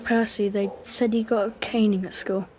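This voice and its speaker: An actress voicing a calm, gently sarcastic mother in a video game. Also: mid-range voice, normal speed, close to an everyday voice. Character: patient, sarcastic British mother.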